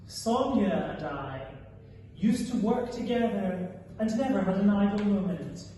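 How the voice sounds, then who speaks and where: A bitter, idle country gentleman from a stage play, read from a script by a man, speaks in a soft-edged, high male voice. He is sardonic and theatrical and drags his phrases out. The sound is distant, in a very echoey hall. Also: measured pace. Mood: weary discontent. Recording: echoey hall from far off, faint noise.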